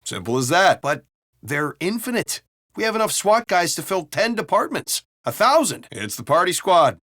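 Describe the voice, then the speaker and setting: In a video game, a foul-mouthed American city cop gripes his way through wry, casual banter. His voice sits slightly high for a man and swings in a lively way, at normal speed. The recording is dry, nearly clean, with no room sound.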